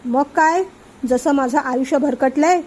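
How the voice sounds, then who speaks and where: A woman's voice: high-pitched, measured pace, a little mellow. A woman voicing a sulky young husband who is fed up with his wife and talks melodramatically in a storybook reading. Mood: aggrieved. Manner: melodramatic, rhyming complaints.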